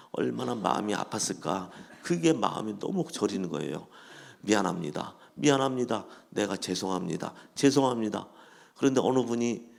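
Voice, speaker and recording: A male pastor preaches an emotional sermon, his voice gravelly with a rough edge of fry. He sits somewhat low for a man, dropping to hushed, tearful confession and then rising into impassioned pleas to the congregation. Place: church sanctuary.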